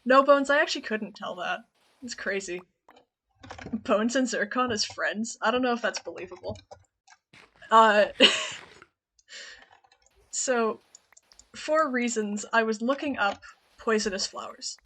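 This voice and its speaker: Chatty lady streamer rambling to chat mid-game, kinda high voice, giggles a lot. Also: measured pace, long pauses, fairly bright tone. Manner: chatty, rambling, laughs often. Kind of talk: casual chat while gaming.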